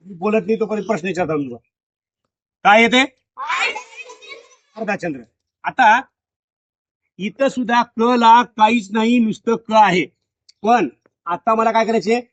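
A man's voice: high voice, a bit bright, no room sound. A male school teacher teaching a classroom of pupils, repeating his questions over and over as he drills them. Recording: dull lo-fi, dry sound.

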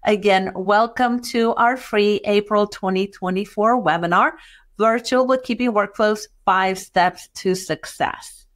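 A middle-aged woman from Chile, whose Chilean Spanish accent carries some Texan influence, hosts a bookkeeping webinar over a video call as an educator. She speaks warmly and welcomingly with frequent fillers, at medium pitch and a measured pace.

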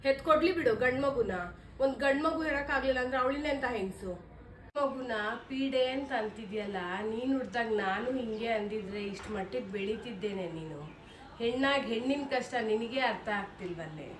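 A woman's voice: fairly high pitch, fairly quick, roomy sound, a little hiss or hum, lightly acted. A woman playing an older mother who lectures her daughter reproachfully, in a family skit.

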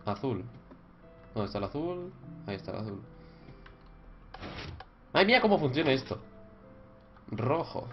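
Foul-mouthed young gamer, lively pitch. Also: male voice, unhurried, pauses often, soft background music. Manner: swears a lot, yells and screams in frustration; mutters quietly to himself while solving puzzles. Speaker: gaming YouTuber. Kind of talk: Minecraft let's play commentary. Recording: dull lo-fi mic with faint noise.

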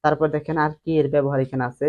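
A man's voice: fairly high pitch, level tone, racing, highs cut off. A man teaching spoken English, walking through a course book and drilling example phrases over and over. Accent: Bangladeshi Bengali. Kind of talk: tutorial walkthrough of a course book.

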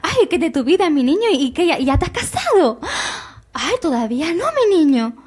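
A woman's voice: high voice, very animated, moderate pace, darkish tone. A young woman hosting a comedic radio segment, playful and teasing, in a small studio on a desk mic. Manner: playful, teasing, asks leading questions. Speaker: radio host. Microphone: desk mic on stand.

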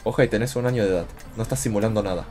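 Brief: Argentine male streamer, teasing and excitable, faint game music behind. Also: fairly low pitch, racing. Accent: Argentine Spanish. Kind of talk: casual gaming stream chat.

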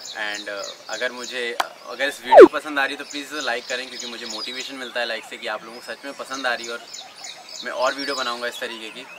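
On an outdoor rooftop, a fitness YouTuber in his twenties gives casual workout advice in an instructional vlog, chatting in Hindi mixed with English and saying "uh" often. His mid-range voice is animated and a little fast. Heavy background noise includes clear birdsong and outdoor ambience.

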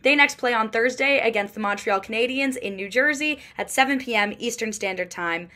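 This postgame sports report is scripted and read by a young woman in her twenties, recorded at home in a small room. She sounds a little high and slightly fast while keeping a steady, clear rhythm.

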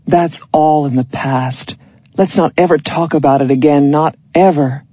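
The narrator doing a lovesick young man who keeps fumbling things, pleading and flustered. The voice is slow and mellow, recorded dry and close. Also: medium pitch, dry recording, lightly acted. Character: apologetic clumsy young man in love. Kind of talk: audiobook story reading.

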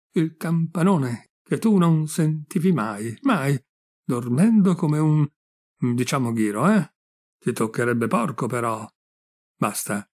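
A man reading aloud, voicing a boisterous, joking middle-aged man who teases an old friend. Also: medium pitch. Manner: joking, lively, teasing. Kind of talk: audiobook reading.

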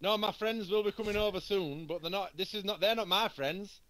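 A man's voice: high voice, a little fast, a bit bright. Amused, hesitant man on game voice chat. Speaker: civilian player. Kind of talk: in-character game role-play.

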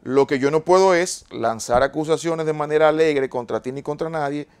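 A man, a lawyer being interviewed on a TV program, who explains things in a measured, formal legal way. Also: a little high, clean tone. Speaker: lawyer guest.

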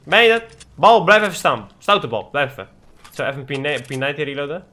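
A man's voice: on the high side, big pitch swings, fast talker, sharp tone. A young man giving playful, trash-talking gameplay commentary as a gaming YouTuber, slipping English slang into his talk.

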